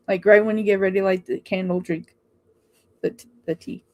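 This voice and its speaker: A woman's voice: mid-range voice, steady tone, a little fast, highs cut off. A woman hosting a live tarot stream, chatting casually, greeting viewers by name and laughing often. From Oregon.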